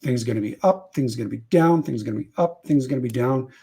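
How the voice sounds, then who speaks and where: A man's voice: mid-range voice, racing, dark tone, slightly rough. A man from Canada chatting casually on a podcast, talking through his ideas with conversational fillers and asides.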